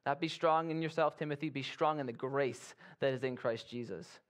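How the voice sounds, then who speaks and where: A man's voice: medium pitch, moderate pace. A man, a pastor, giving a conversational sermon and acting out little scenes with playful asides. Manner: conversational, acts out quoted soldiers with playful asides.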